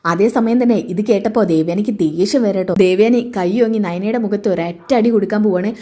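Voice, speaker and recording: A woman's voice: mid-range voice, brisk, warm tone. A woman casually retelling a TV serial episode for her channel in a chatty way. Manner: chatty, adds ttoʼ tags to sentences. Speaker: serial recap vlogger.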